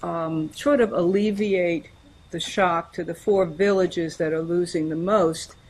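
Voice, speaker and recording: A woman's voice: fairly low pitch, fairly even intonation, unhurried, darkish tone, breathy edge, rough recording. A woman board member raising a question in a meeting, hesitant with restarts. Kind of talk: meeting discussion.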